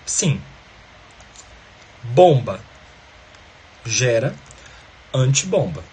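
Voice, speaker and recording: A man's voice: medium pitch, big pitch swings, drawn-out words, darkish tone, husky. A man teaching a grammar lesson, explaining step by step and often checking in with the listener.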